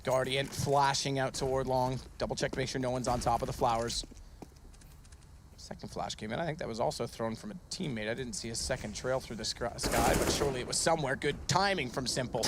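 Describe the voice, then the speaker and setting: A man's voice: medium pitch, brisk, noisy background. A man working as an esports caster, giving descriptive play-by-play that follows the action of a match. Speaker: esports commentator.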